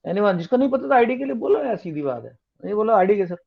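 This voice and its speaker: A man's voice: sits high, sing-song, fast, gravelly, muffled recording. A man teaching a science class online, explaining in a mix of Hindi and English and asking his students questions. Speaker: tutor.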